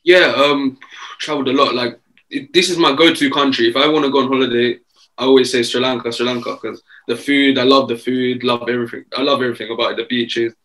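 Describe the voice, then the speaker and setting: Casual young male athlete, relaxed, filler-heavy answers on a video call. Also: medium pitch, fast, low-quality recording. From England. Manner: relaxed, easygoing, many fillers. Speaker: footballer guest. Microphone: video call webcam.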